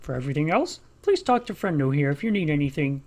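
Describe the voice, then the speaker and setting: A woman's voice: deep voice, very animated, fast, darkish tone, pitched below the performer's own voice, heavily acted. A woman voicing a courteous, cheery male train conductor in a game, speaking politely and formally.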